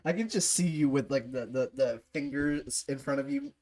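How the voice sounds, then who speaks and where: A woman's voice: a bass voice, sing-song, moderate pace, dark tone. A woman streamer chatting from her home desk, laughing often and breaking into shrieky exclamations. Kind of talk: casual live-stream chat.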